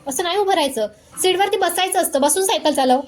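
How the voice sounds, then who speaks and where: A woman's voice: very high voice, fast. A young woman chatting casually to camera in her home kitchen while coaxing her toddler. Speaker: vlogger and mother. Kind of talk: casual home vlog chat.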